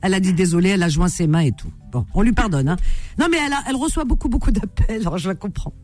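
A woman hosting a call-in classifieds radio show, chatty and warm, reading out listings and phone numbers. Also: mid-range voice, expressive, racing, soft background music. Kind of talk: live call-in radio chat.

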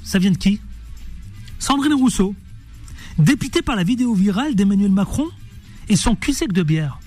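A male radio host with a high voice that swings up and down a lot. He talks playfully and with plenty of energy, moving fast from one topic to the next. Faint music plays behind him in the studio. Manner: animated, playful, jumps between topics. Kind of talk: lively radio show chat.

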